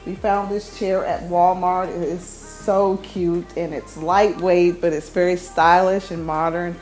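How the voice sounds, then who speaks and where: A woman in her thirties, a vlogger, gives a casual home tour, walking room to room and gushing over the decor in an upbeat way. Her voice sits on the low side and is darkish, with a level tone and a measured pace. Faint music plays behind her.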